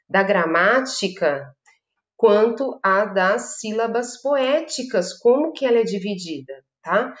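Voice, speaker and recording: A Brazilian woman gives a literature lesson in a patient, explaining tone, often checking in with her students. Her voice sits at an average pitch for a woman. The room around her is noticeably echoey. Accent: Brazilian Portuguese. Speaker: literature teacher. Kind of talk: online class lecture.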